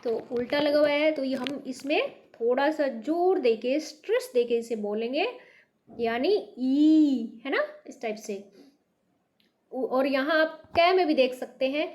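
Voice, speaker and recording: A high-pitched woman gives a beginner Hindi lesson at an unhurried, deliberate pace. She is from North India and patiently repeats each word, stressing the sounds so learners can follow. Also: expressive. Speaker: Hindi teacher. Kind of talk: slow beginner language lesson.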